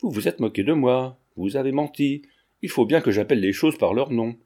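A man reading the lines of a stern young gentleman who curtly accuses a lady. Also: medium pitch, animated, brisk, lightly acted. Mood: harsh. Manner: curt and accusing.

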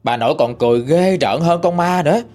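A man with a Southern Vietnamese accent telling a ghost story in a lively, chatty way with dramatic rises. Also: on the high side, quick pace. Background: faint music.

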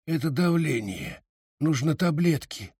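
A man voicing a frightened, breathless 65-year-old father who mumbles quietly. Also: on the high side, lively intonation, a little slow, husky, no echo, studio quality, voice pushed up. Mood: weak.

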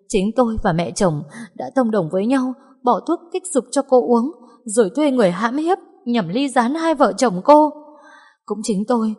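A woman voicing a terrified scheming young wife who begs in stammering, shrill pleas. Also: a little mellow, in a large hall, close to an everyday voice.

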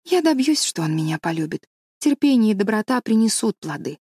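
A woman reading an audiobook, voicing an excitable, dreamy young woman schoolteacher who talks eagerly. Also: medium pitch, a little fast, husky, no echo, clean studio sound, voice pushed up. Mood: determined.

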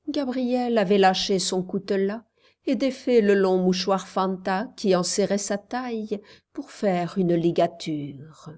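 A woman narrating an audiobook in a measured, calm storytelling voice. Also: medium pitch.

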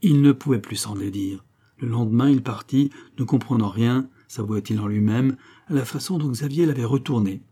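A man reading a classic novel aloud as an audiobook narrator, in a measured, even way. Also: medium pitch, slightly rough. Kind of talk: scripted narration.

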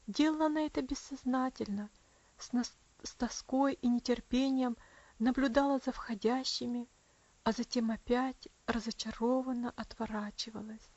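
A woman with a high voice narrates a sentimental story softly and evenly. The recording is close and dry, with a somewhat dull sound. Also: no echo. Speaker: audiobook narrator. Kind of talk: scripted narration of a sentimental novel.

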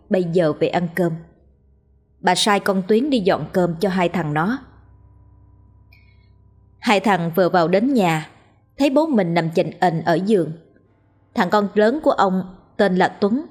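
A woman's voice: mid-range voice, darkish tone. A woman narrating a ghost story as a storyteller.

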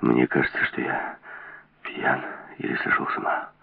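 A man voicing a tormented, menacing outlaw in an audiobook, talking in a halting, rough, grim way. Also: no echo, natural voice. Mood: stunned. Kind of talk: audiobook role reading. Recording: tinny dry lo-fi audio.

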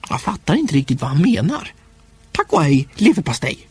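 Man, husky, lively swooping pitch, playful comic diary narration, audiobook. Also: dry recording. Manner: playful, expressive, comic timing. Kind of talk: scripted first-person diary narration.

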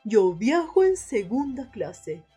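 A woman playing a polite, hesitant English gentleman in a radio play, speaking formally with pauses. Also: a little high, very animated, breathy edge, soft background music, heavily acted. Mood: polite puzzlement. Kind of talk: radio theatre acting.

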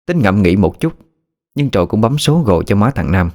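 A man's voice: fairly low pitch, sing-song, brisk, a little mellow. A man narrating a horror story. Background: faint music.

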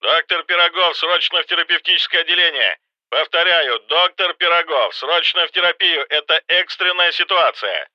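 A man voicing a panicked announcer paging a doctor over a hospital loudspeaker in an audiobook. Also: fairly high pitch, normal speed, no echo, highs cut off, pitched above the performer's own voice. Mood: urgent. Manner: urgent, near panic, repeating the call. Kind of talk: audiobook narration.

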